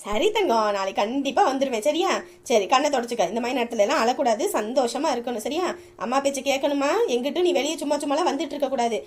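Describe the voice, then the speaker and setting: A woman's voice: sits high, quick pace, noisy background, close to an everyday voice. A woman playing an elderly village grandmother who is tender and fussy, coaxing and soothing in a comedy skit. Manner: soothing, coaxing, repeats sarikka.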